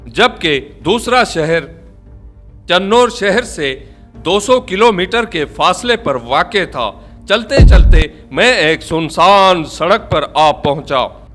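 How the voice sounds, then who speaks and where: A man narrating a first-person horror story in a slow, measured, suspenseful way. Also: on the high side, sharp tone.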